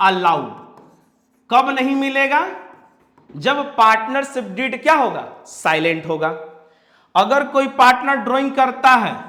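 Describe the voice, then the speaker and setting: High-voiced man teaching slowly in an echoey room. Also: bright, forceful tone. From India. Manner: drills points by repeating them and asking questions; mixes English terms into Hindi. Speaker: commerce teacher. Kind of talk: classroom lecture. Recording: roomy echo.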